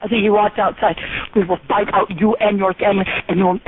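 A woman's voice: medium pitch, little pitch movement, quick pace, husky. An older woman in a heated phone argument, ranting accusingly and repeating herself. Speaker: angry call recipient. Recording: tinny, noisy phone line.

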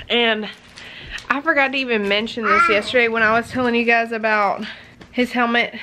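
A woman's voice: on the high side, bright, forceful tone, slight background noise. A young adult woman and mother chatting casually to a handheld camera at home, rambling and breaking off to talk to her children. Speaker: vlogger and mother. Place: indoors at home. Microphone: handheld compact camera.

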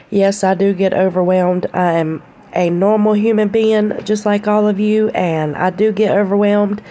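A woman's voice: fairly low pitch, warm tone. A woman, chatting casually in a voice-over about her cleaning day. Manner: chatty, down-to-earth, laughs at herself. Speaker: cleaning vlogger.

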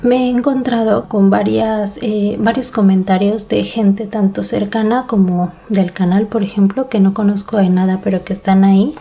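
A woman's voice: mid-range voice, fairly even intonation, normal speed, few pauses, dark tone. A woman in her thirties with a Mexico City Spanish accent, talking candidly to her listeners as a podcast host. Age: 30s. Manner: candid, conversational, talks to listener directly. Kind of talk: casual monologue podcast.

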